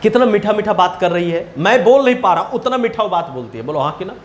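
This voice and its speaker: Chatty high-voiced male teacher, echoey room. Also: expressive, fast talker. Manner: chatty, keeps asking the class if they follow. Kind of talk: storytelling lesson retelling a chapter.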